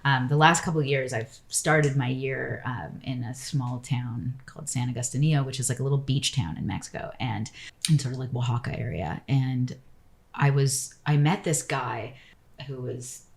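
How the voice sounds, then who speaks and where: A woman with a low voice talks easily as a podcast guest. She rambles through her thoughts and fills her speech with "like" and "you know", in a relaxed, conversational way. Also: normal speed, creaky. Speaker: architect guest. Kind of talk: casual interview chat.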